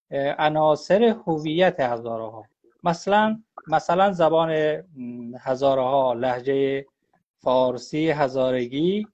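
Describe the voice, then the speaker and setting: A man, a guest scholar on a live online interview, explains at length in a halting way, often pausing on a drawn-out "uh". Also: a little high, a little mellow. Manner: halting, with frequent drawn-out "uh" pauses. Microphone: phone or computer on a live video call. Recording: dull lo-fi livestream audio.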